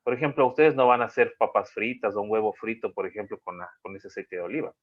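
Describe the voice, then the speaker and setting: A man's voice: fairly low pitch, fast. Male teacher, online lecture, rambling, dull lo-fi call audio. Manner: rambling, checks in with "¿sí?". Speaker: college teacher. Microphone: video call.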